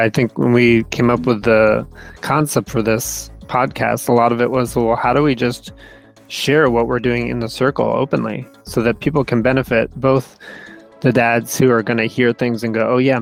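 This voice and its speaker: Gravelly, flat-voiced man musing thoughtfully. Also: medium pitch. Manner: thoughtful, hesitant, halting. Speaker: podcast co-host. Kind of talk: casual reflective podcast talk.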